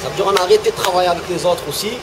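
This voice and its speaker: A man's voice: high voice, rapid-fire, noisy background. A male rapper talking bluntly and with swearing in a casual interview, then rapping a freestyle. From Algeria.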